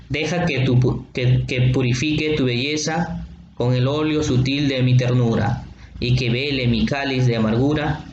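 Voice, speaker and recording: A man's voice: mid-range voice, slight background noise. Patient male teacher in a roomy space. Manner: patient, checks in with listeners often; spells out words slowly syllable by syllable. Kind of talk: recorded lesson explaining poetry. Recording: roomy, dull lo-fi sound with faint ambience.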